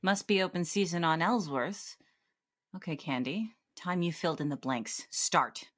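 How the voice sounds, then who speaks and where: A woman's voice: lowish voice, a little slow. A woman playing a sardonic, authoritative police detective in an old-time radio-style mystery drama. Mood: commanding.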